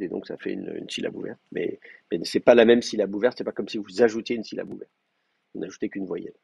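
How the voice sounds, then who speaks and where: Husky male teacher in a muffled classroom. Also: on the low side, mellow, dry recording. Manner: hesitant, many fillers and restarts while explaining. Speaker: Hebrew teacher. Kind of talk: classroom lecture. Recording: muffled, dry classroom recording.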